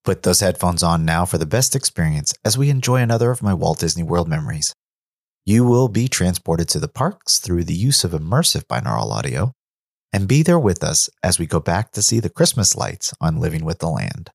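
A man's voice: deep voice, very animated, a little fast, vocal fry, no room sound, studio quality. A man hosting a podcast, delivering scripted narration to his listeners. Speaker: podcast host.

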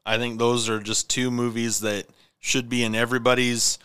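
A man's voice: medium pitch, little pitch movement, normal speed, sharp tone, clean tone, no echo. A man in his forties from Montana, hosting a casual podcast chat about movies in an easygoing, rambling way. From Montana, USA. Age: 40s. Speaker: podcast host.

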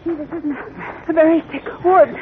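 Lois Lane, high, spirited, radio serial. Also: female voice, steady tone, normal speed, a crowd in the background. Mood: anxious, exasperated. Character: spirited, alarmed young lady in danger. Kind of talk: 1940s radio adventure acting. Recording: tinny, noisy old radio recording.

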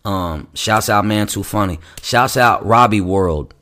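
Rambling, slangy podcast host, low voice. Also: male voice, unhurried. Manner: rambling, slangy, full of restarts and shout-outs. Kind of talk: casual podcast chat.

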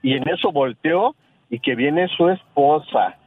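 Chatty radio co-host. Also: male voice, fairly high pitch, animated, unhurried, breathy edge, no room sound, phone-quality sound. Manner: chatty storytelling, agreeable interjections. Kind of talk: live radio banter. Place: radio studio.

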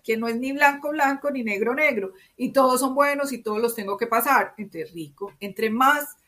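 Her pitch sits fairly high and her pace is normal as she talks with an Antioquian paisa accent. Appearing as a guest in an interview, the Medellín native explains in a lively, chatty manner, frequently checking in with tag questions.

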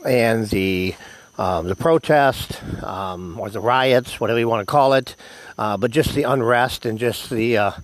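An American man hosting a solo podcast, speaking haltingly with many ums and whistling slightly on his words because of missing teeth. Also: medium pitch. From United States. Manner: halting, filled with ums and pauses. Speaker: podcast host. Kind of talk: solo podcast announcements to listeners.

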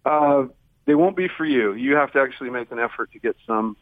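A man's voice: medium pitch, a little fast, no echo. An American man chatting casually as a phone-in guest on a radio show, with a joking manner. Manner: joking, banter with the hosts. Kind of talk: casual phone interview chat. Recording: tinny, narrow phone line.

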